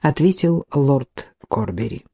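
An audiobook reader in steady scripted narration, voicing each figure in turn. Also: medium pitch, slow, husky, no echo, clean studio sound.

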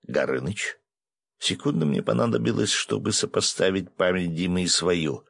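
A man narrating a first-person adventure audiobook, brisk with coarse asides. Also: low voice, vocal fry, fairly bright tone, slightly rough, no room sound, studio quality.

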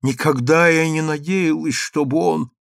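A man's voice: on the high side, fairly even intonation, measured pace, gravelly, dry recording, clean studio sound, voice pushed up. A man voicing a stern, grieving mother who presses her daughter for the truth in a storybook reading. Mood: insistent. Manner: stern and insistent. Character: stern grieving mother, commanding then pleading.

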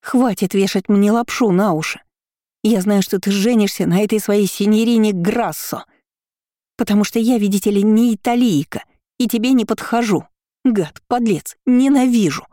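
A reader voicing a jealous young woman in an audiobook, shrill and breaking with tears. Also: normal speed, mellow, no echo, clean studio sound, natural voice. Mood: tearful anger. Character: tearful jealous young woman, fiery and desperate. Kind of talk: audiobook character voice.

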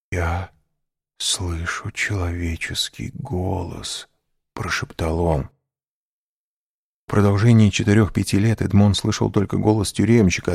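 A man narrating a classic novel as an audiobook in a measured, even storytelling manner. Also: low-pitched, vocal fry, no echo, studio quality. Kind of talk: scripted narration.

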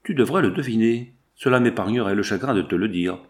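A man's voice: fairly low pitch, a little fast, close to an everyday voice. A man voicing a stern aristocratic father in an audiobook, firm and indignant as he lectures his daughter. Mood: grave. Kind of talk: audiobook character voice.

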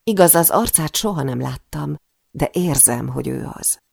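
Gravelly woman reading a thriller. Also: deep voice, expressive, a little mellow, no echo, studio quality. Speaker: audiobook narrator. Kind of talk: first-person novel narration.

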